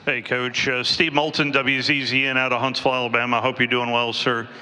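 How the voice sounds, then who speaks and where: A man working as a radio reporter, asking a press question in a polite, halting way. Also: medium pitch, little pitch movement, pushed and bright. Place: large media hall. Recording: long hall reverb.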